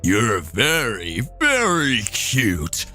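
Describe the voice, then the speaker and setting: A man voicing a creepy, condescending male villain who speaks in a slow, sneering drawl. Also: lowish voice, wildly swooping pitch, sharp tone, faint music behind, full character voice.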